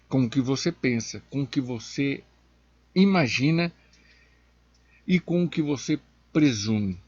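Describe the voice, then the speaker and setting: Slow, emphatic husky-voiced deacon. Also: male voice, a little high, lo-fi sound. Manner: slow, emphatic, rising sharply on key words. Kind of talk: Bible teaching.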